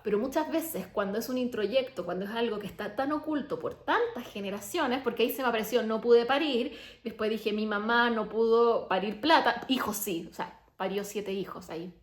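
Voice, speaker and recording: A woman's voice: medium pitch, fairly quick. Chatty woman telling her story, roomy echo. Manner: chatty and animated, fond of "o sea" and "como". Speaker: abundance coach and podcaster. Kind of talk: personal storytelling monologue.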